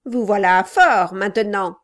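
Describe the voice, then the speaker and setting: A woman reading aloud voicing a scheming male dwarf who talks loudly and insistently with false friendliness. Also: mid-range voice, measured pace, natural voice. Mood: pushy.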